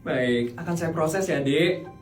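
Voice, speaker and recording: A woman's voice: low-pitched, slow, pitched below the performer's own voice. Woman doing a polite formal waitress, echoey room, music behind. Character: polite female restaurant waitress.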